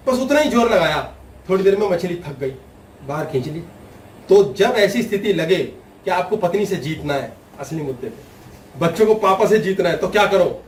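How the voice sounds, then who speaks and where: Man teaching in an echoey hall. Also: high-pitched. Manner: humorous storytelling, acts out voices, laughs often. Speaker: spiritual teacher. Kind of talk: spiritual discourse to a live audience. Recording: echoey room, distant mic, faint noise.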